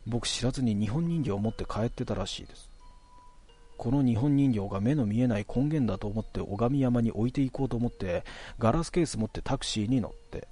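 A man casually telling a ghost story in a relaxed, conversational way, stretching out some phrases. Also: medium pitch, brisk, slightly rough, faint music behind.

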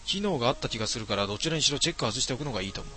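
A man's voice: mid-range voice, animated, rapid-fire, sharp tone, faint music behind. A middle-aged man streaming late at night, reading viewer comments aloud in a casual, mumbling way with many fillers.

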